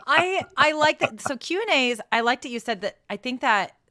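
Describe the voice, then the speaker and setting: A woman's voice: sits high, expressive, moderate pace, pushed and bright, no echo. A woman co-hosting a live streaming show, explaining advice in an earnest, conversational way. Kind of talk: casual advice chat.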